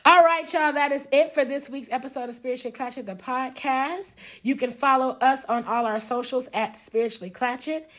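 A woman hosting a casual podcast chat, profane and quick to laugh, who also reads the show's outro. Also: high-pitched, fairly bright tone. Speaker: podcast host.

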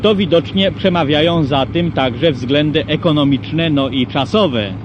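A man's voice: a little high, measured pace, muffled recording, slight background noise. A man giving a formal scripted news report, played back from an old worn archive tape. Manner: formal announcer delivery. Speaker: newsreel reporter.

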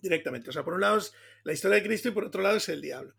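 High, gravelly Spanish man chatting. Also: very fast. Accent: Spain Spanish. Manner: animated, laughing storyteller, says "tío" often. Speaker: pastor and podcast co-host. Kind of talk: casual chat.

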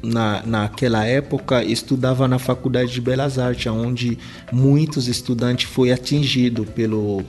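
Slow-talking young man. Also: mid-range voice, fairly even intonation, a little mellow, faint music behind. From DR Congo. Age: young adult. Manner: halting, many fillers and restarts. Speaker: interview guest, visual artist. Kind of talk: casual interview answers.

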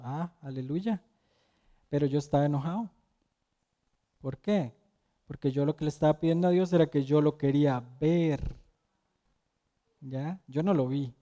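A young man gives a casual, conversational sermon in a slightly high, mellow voice. He keeps turning to the listeners with questions and slips into personal stories between the verses. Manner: asks the audience questions and tells personal stories. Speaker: preacher.

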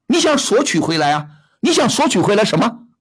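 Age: middle-aged. Sex: man. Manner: harsh, scolding advice host with a husky, swooping voice. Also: sits high, big pitch swings, a little fast. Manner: harsh scolding, blunt rhetorical questions. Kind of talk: call-in advice show.

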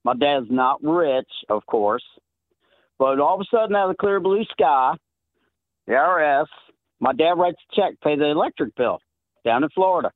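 A middle-aged Southern man phones in to a call-in show, swapping stories in a chatty way and laughing often. His voice is on the high side and animated, at a moderate pace with long pauses, and the dry recording comes through a tinny phone line.

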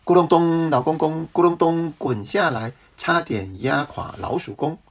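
Little mice chorus, a man chanting, high and sing-song. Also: a little slow.

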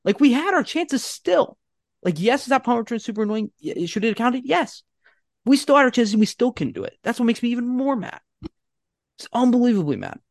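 A man co-hosting a casual sports podcast, ranting with a fan's exasperation and talking in quick bursts full of fillers. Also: extremely high pitch, vocal fry, no echo, clean studio sound. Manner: animated, exasperated fan ranting.

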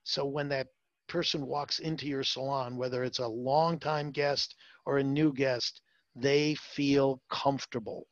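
A man's voice: mid-range voice, fairly even intonation, measured pace, dry recording, highs cut off. A man being interviewed as a salon marketing consultant, talking emphatically with many fillers and repeated words. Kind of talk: interview, advice talk.

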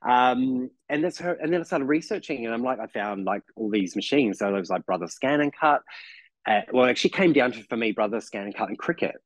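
Animated and fairly quick, this forty-something New Zealander talks in a mid-range voice with no room sound at all. As a podcast guest in casual conversation, he rambles, repeats "you know" a lot, and keeps restarting sentences.

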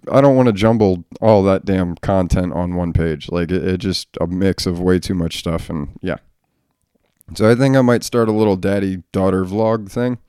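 A man's voice: low-pitched, dark tone, clean tone, no room sound, studio quality. A man hosting a casual solo podcast, a father talking in a blunt, profane, ranting way. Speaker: podcast host.

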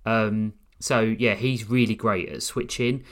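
A man with a low-pitched voice talks casually as a podcast co-host. He often pauses with ums and agrees readily with his partner. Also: steady tone. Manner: hesitant, many ums, agreeable. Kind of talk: casual chat about cartoons.

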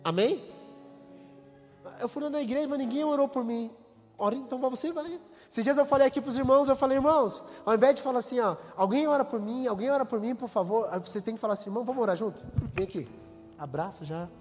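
A pastor with a notably high voice preaches to his congregation, slipping into the voices of the people in his stories. His words ring out in a long-echoing church hall. A guitar plays faintly underneath. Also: fast talker. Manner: preaches with rising intensity, acts out quoted dialogue. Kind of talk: sermon.

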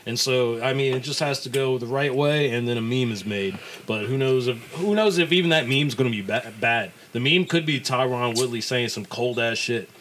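A man's voice: medium pitch, normal speed, hardly any pauses, fairly bright tone, slight background noise. A young man hosting a podcast in casual, profane frat-bro slang. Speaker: podcast host. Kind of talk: casual profane sports chat.

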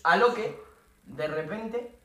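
A man from tells a story to friends on a casual podcast. He is animated and full of slang. His voice is bright and a bit high, picked up from far off in an echoey room with a faint hiss. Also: slow pace. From Spain. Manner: animated anecdote-telling, laughing, full of slang.

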